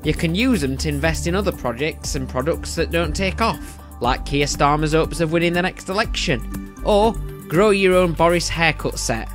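A Yorkshire man voicing a mock advert announcer, drawing out words in a salesy pitch. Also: moderate pace, over music, close to an everyday voice. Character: male advert voiceover hawking a joke product.

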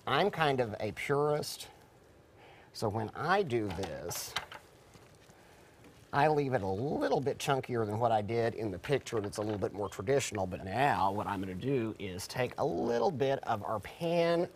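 A man's voice: mid-range voice, lively intonation, normal speed, a little hiss or hum. A middle-aged man hosting a cooking segment in a TV news studio, chatty and explaining as he works, with frequent restarts. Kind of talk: cooking demonstration chat.

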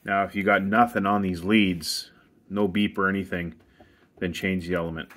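A man's voice: low voice, fairly even intonation, moderate pace, fairly bright tone. A man giving a casual, practical, step-by-step how-to on testing a hot tub heater, recorded outdoors while he works with his hands. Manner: plain, practical step-by-step instructions. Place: outdoors beside a hot tub equipment bay.

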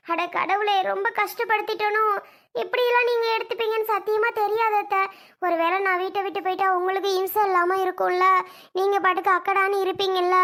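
A woman's voice: extremely high pitch, a bit bright. A woman playing a young daughter-in-law who apologizes and begs forgiveness. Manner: apologetic, pleading.

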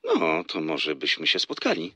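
A man's voice: extremely low pitch, huge pitch swings, unhurried, a bit bright, slightly rough, no echo, full character voice. An actor playing a flirtatious, teasing salesman in a radio drama who laughs often as he talks on the phone. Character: flirtatious smooth-talking male salesman on phone.

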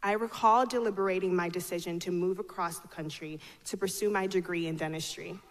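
A Ghanaian student in her 20s who grew up in North Carolina delivers a prepared ceremonial address at a podium on a large auditorium stage, reading formally from her notes a little fast with fairly even intonation. Her slightly low voice goes through a podium microphone, and the hall adds long, echoey reverb.

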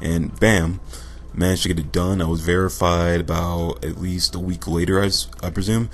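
A young man giving casual, rambling gameplay commentary, self-deprecating and a bit monotone and tired. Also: deep voice, normal speed, slight background noise. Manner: rambling, self-deprecating, loose filler-heavy talk; says he sounds a little monotone and tired. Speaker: gaming commentator.

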